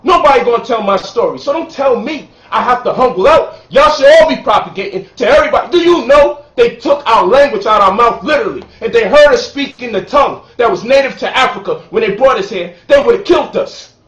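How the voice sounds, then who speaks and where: Boastful man with a high, emphatic voice. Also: animated, fairly quick, few pauses, fairly bright tone. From Brooklyn, New York. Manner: boastful, emphatic, preacher-like cadence. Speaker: lecturer and author. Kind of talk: heated sit-down interview. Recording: roomy, distant, muffled recording.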